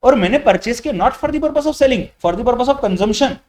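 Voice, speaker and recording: A man's voice: very high-pitched, animated, a little slow, a little mellow, slight background noise. A male lecturer teaching a live online class, quizzing students with rhetorical questions and repeating key points. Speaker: GST lecturer. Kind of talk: live online lecture in Hindi-English mix.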